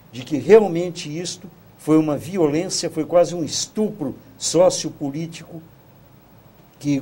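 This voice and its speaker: A man speaking as a guest commentator in a talk show debate, measured and formal. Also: on the high side, warm tone, slightly rough.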